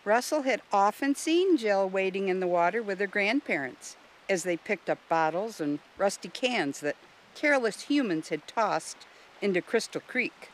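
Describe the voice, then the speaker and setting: A woman volunteer reading a children's storybook aloud in a gentle, expressive way. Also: mid-range voice, normal speed, a little hiss or hum, rough recording. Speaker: volunteer narrator.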